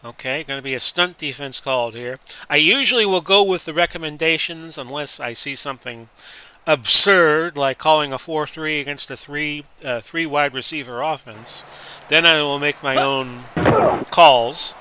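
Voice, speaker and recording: Bright-voiced man calling plays. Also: on the high side, moderate pace, clean tone. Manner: announcer-style calls that rise into excited outbursts. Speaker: streamer and host. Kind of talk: play-by-play commentary over a sports simulation game.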